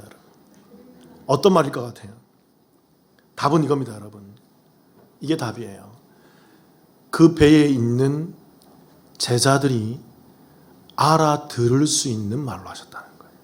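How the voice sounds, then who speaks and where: High-voiced Korean pastor preaching emphatically. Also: male voice. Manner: swings from loud rising exhortation to hushed low asides; asks the congregation rhetorical questions. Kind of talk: sermon. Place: church sanctuary.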